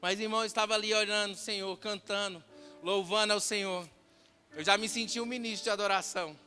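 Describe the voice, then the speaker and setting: A man's voice: high-pitched, fairly even intonation, fairly quick, pushed and bright. A Brazilian man with a Brazilian Portuguese accent, a pastor preaching a fervent storytelling sermon to a congregation, often calling his listeners brother and dear. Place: church hall with a congregation. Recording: reverberant church hall, music behind.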